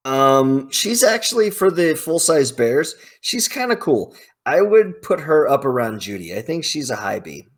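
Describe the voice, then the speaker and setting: Measured in pace, with a higher, sing-song voice, this man hosts a video ranking game characters. He thinks out loud in casual, opinionated commentary packed with emphatic, over-the-top slang.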